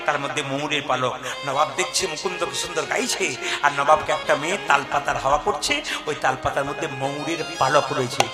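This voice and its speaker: A man with a fairly high voice preaches at a live kirtan, mixing lively storytelling with sung verses. Loud harmonium and tabla play behind him. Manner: lively storytelling, urges the audience to repeat lines loudly. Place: live devotional stage before an audience.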